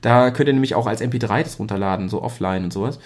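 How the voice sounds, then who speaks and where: A man's voice: on the low side, fast. A man hosting a casual podcast, rambling with many fillers and self-mocking asides. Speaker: podcast host.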